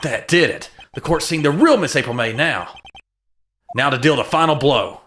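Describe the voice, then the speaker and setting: In this fan dub of game dialogue with game music behind it, a man plays a young male defense attorney who is earnest, determined and pushing hard. His natural voice sits on the high side with a fairly bright tone at normal speed, with slight background noise.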